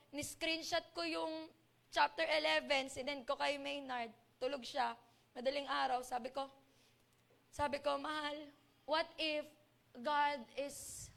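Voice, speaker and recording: A woman's voice: high voice, vocal fry, a bit bright. A woman sharing a personal testimony with a congregation, speaking earnestly and emotionally. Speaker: church member giving testimony.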